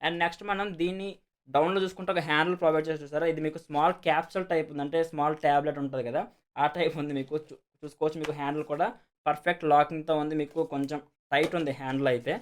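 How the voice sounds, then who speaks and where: A man with a Telugu accent talks very fast in a slightly high, steady voice, with slight background noise. He casually explains and demonstrates a product for a video, repeating himself and mixing in many English words.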